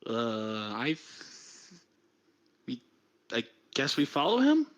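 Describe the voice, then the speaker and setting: A man's voice: mid-range voice, huge pitch swings, slow, lo-fi sound. A man chatting casually as a player in a tabletop game.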